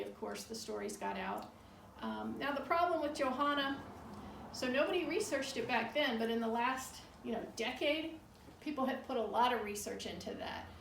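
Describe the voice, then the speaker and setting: Inside an old bar building, a female tour guide tells local legends in a conversational way, doubtful and plain-spoken. She has a creaky voice pitched a little high. There's echo from the room, a distant mic, and slight noise.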